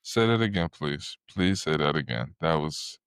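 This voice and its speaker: Male podcast host, very deep voice, dry sound, halting, eager questions. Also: expressive, a bit bright, smooth, no echo. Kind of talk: podcast interview.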